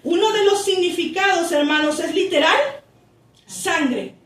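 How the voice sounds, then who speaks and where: Slow, high-voiced woman preaching in an echoey church. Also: a bit bright. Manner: slow, deliberate reading that stretches key words, with asides to the congregation. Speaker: pastor. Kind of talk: sermon, reading and explaining scripture. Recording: echoey church room, voice from a distance.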